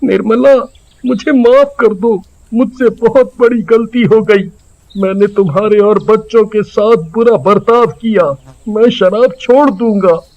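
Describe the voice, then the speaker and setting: A man voicing a drunk, possessed village man in a cartoon, high and sing-song with a whiny drawl. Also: unhurried, darkish tone, no echo, lo-fi sound. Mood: remorseful.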